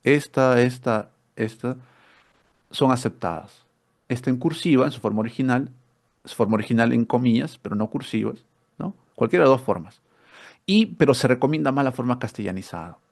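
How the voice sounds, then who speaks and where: Male teacher, explanatory, mid-pitched voice, rhetorical questions. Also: moderate pace, darkish tone. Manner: explanatory, asks rhetorical questions, repeats words. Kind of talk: online spelling workshop lesson.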